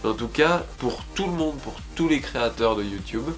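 A young man in a medium-pitched voice. He chats casually to camera like a YouTube vlogger, recorded indoors at home. Music plays behind him. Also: animated, moderate pace, fairly bright tone. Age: 20s.

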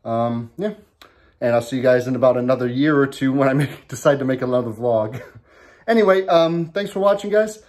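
A man's voice: medium pitch, a little fast, darkish tone. A man in a casual home vlog, talking from his garage into a handheld camera, rambling with lots of ums and restarts and a bit out of breath. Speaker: vlogger.

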